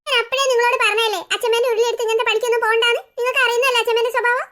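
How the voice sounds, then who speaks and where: A caring, no-nonsense mother from a cartoon story, as a voice actor plays her, who comforts and then instructs. The voice is extremely high and bright, and she talks very fast. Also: little pitch movement. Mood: motherly. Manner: warm then firmly instructing. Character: caring mother, firm about studies.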